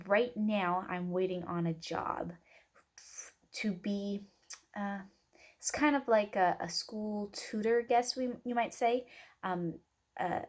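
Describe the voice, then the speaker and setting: Young oregon woman rambling thru a class intro video, kinda low voice, lots of um and uh. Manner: rambling, many fillers and restarts. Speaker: student. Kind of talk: casual self-introduction video.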